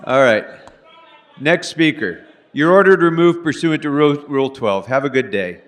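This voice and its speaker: A man's voice: a little high, expressive, normal speed. A man chairing a city council meeting in a curt, commanding way, giving orders and warnings to speakers. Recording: echoey council chamber.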